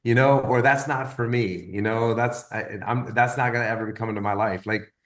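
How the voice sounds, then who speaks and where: A man in his fifties giving casual motivational coaching, rambling and often repeating words as he tells lively stories. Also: mid-range voice, moderate pace. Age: 50s. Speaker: wellness business coach.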